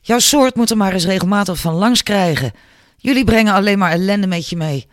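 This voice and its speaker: A brawling bully spits threats at an old man, as the narrator puts him on. The voice is rough in manner and a bit lifted. It sounds close and dry with no room. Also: a little high, lively intonation, normal speed, no echo, natural voice. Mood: hostile. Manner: aggressive, snarling.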